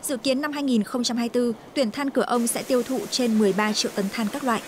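A woman reading a scripted news voice-over in a smooth, even manner. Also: on the high side, quick pace, a little hiss or hum. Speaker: news narrator.

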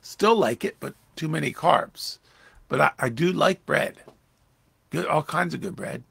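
Gravelly, husky pastor. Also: male voice, a little high, measured pace, no room sound. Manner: conversational, animated, acting out Jesus' lines with raised voice. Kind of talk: Bible study teaching.

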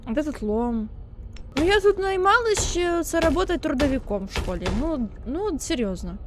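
A woman's voice: high-pitched, sing-song, normal speed, noisy background. A woman streamer giving let's play commentary, sarcastic and swearing as she mocks the game's baby. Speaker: gaming streamer.

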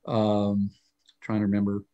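A man's voice: on the low side, completely flat delivery, measured pace, warm tone, dull audio. An older man telling long, rambling stories as a guest on a live talk show, often restarting phrases and raising his voice to act out quoted lines. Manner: rambling anecdotal storytelling with many restarts; acts out quoted lines in a raised voice. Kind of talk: casual live interview chat.

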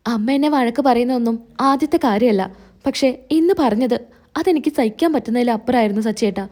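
A woman voicing a gentle, hurt young wife. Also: on the high side, fairly quick, lightly acted. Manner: pleading, soft, hurt.

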